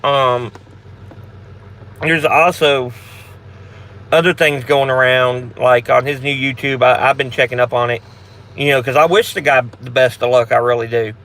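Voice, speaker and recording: A man's voice: mid-range voice, fairly even intonation, moderate pace, long pauses, a bit bright. A man hosting a casual live Q&A for a paranormal channel, talking in a rambling, blunt way with frequent restarts and some swearing.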